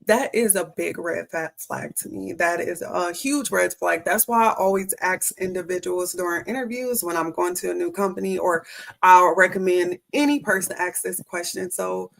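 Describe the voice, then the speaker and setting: A young adult woman with a fairly low, creaky voice speaks at a normal pace. She's an HR professional appearing as a guest in a casual interview, chatting through her views on hiring with lots of fillers and restarts.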